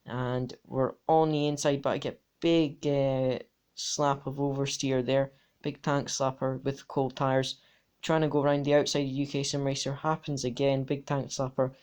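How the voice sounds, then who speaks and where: Male sim racer, voice-over commentary, matter-of-fact, mid-pitched voice. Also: darkish tone, clean tone. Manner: matter-of-fact, talks through laps turn by turn. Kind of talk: race replay commentary.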